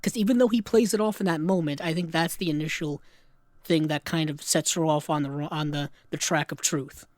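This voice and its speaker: A man co-hosting a casual film podcast, retelling scenes with lively put-on voices. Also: a little high, dry recording. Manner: animated, acts out scenes in quick put-on voices. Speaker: podcast co-host.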